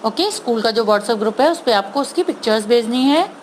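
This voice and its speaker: A woman teacher giving an online Hindi lesson to young children, sounding out words slowly and patiently, mixing English words into her Hindi. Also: fairly high pitch, lively intonation, slight background noise, low-quality recording. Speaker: primary school teacher.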